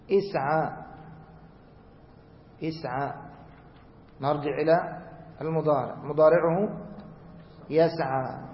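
Teacher in an echoey hall. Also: male voice, on the high side, a little hiss or hum. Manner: asks the class questions and answers them himself; repeats key words and rules slowly. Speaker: grammar teacher. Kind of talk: classroom lesson. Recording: echoey hall, dull lo-fi sound.

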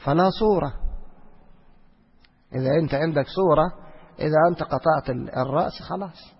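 A man giving a religious lesson, who asks questions and answers them himself, repeats phrases and slows down to recite verses. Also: on the high side, slightly rough. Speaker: teacher of Quranic exegesis. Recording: lo-fi recording with long hall reverb.

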